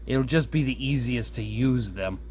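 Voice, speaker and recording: A hobbyist demonstrates his modified radio at a workbench indoors, talking through his thoughts in a relaxed, hands-on way with a mid-range voice at an ordinary pace. A tripod-mounted camera close by records him, capturing room ambience and constant background noise.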